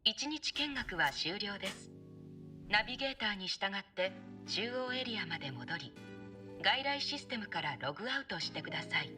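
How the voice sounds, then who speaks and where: A woman's voice: medium pitch, sing-song, quick pace, natural voice. A woman voicing a polite navigation system voice. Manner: polite, announcer-like. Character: calm female navigation system voice. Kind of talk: in-game system announcement. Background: game music.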